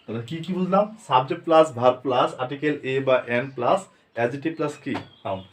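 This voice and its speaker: A Bangladeshi man teaching English grammar, asking questions and answering them himself, sounding words out slowly. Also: medium pitch. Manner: asks and answers his own questions, slow word-by-word drilling. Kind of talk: spoken grammar lesson with questions to students.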